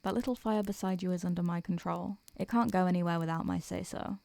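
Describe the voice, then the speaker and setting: A woman plays an ancient female succubus in intimate, ASMR-like soothing roleplay, tender and protective. Her soft, lowish voice is warm and dark with a creaky edge, recorded very dry. Gentle, wistful and affectionate, she murmurs endearments without hurry.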